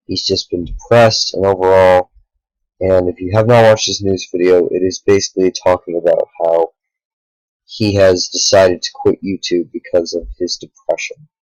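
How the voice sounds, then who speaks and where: A tired young man talking earnestly to the camera late at night, a small YouTuber speaking in halting sentences with sighs. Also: deep voice, no room sound, poor audio. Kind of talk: sincere direct-to-camera talk.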